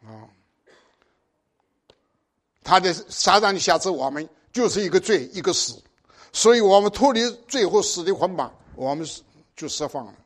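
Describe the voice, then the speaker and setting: High-voiced older preacher, exhorting. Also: male voice, animated, normal speed, pauses often, fairly bright tone. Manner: exhorting, with pointed rhetorical questions. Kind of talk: sermon.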